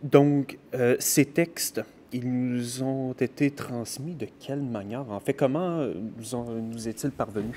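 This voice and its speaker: Halting man hosting an academic podcast. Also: medium pitch, fairly even intonation, dark tone, a little hiss or hum. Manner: hesitant and halting, with many pauses. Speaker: podcast host. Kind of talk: academic interview.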